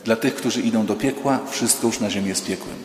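A man, a priest, preaching a sermon in a lively storytelling way, acting out the voices of the people in his stories with humor. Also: fairly low pitch, fast talker, a little hiss or hum. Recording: echoey church hall.

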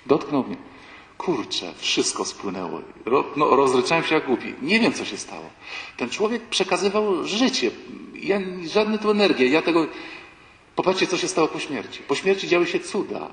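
Animated male priest in an echoey hall. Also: fairly high pitch, normal speed. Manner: animated storytelling, acting out people in the stories. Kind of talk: sermon-like talk with anecdotes. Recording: echoey hall with long reverb, faint background ambience.

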